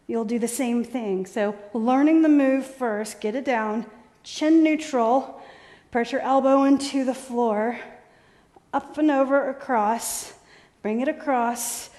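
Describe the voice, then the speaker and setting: Female fitness instructor, higher voice, unhurried delivery, short encouraging cues. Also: darkish tone, long reverb tail. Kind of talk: workout class instruction.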